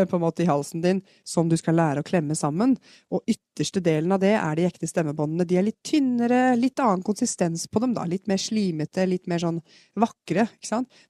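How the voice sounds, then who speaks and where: A woman from Norway giving a chatty live podcast singing lesson, explaining technique and demonstrating vocal fry sounds. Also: fairly low pitch, mellow, dry recording, studio quality. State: has a cold. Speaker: singing teacher. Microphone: podcast microphone.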